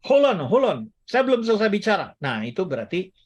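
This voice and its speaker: Soft background music plays under this guest speaker, a man with a high voice who preaches briskly and very animatedly. His casual teaching sermon is full of jokes and English phrases, at a church service or online gathering.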